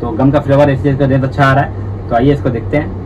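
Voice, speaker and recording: A man's voice: medium pitch, flat delivery, quick pace. A man hosting a casual hookah how-to, talking in a repetitive, chatty way and addressing viewers as brothers. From India. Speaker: hookah tutorial host. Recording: distant, dull audio with background noise.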